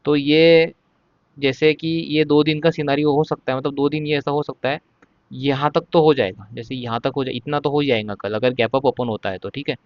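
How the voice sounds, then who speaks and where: A stock market trading educator with a fairly high, steady voice explains trading charts step by step in a casual lesson, often checking in with the listener. He repeats "ठीक है" a lot and says he'll speak slowly; the recording has no room sound and its highs are cut off.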